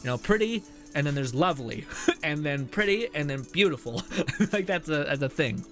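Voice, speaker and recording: A young man chats over his game stream in a rambling, easygoing way, laughing often as he reads out chat messages. His pitch sits a little high for a man and swings about with animation. Faint game music plays under his voice. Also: expressive, moderate pace, fairly bright tone. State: out of breath at times. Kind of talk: casual live-stream commentary.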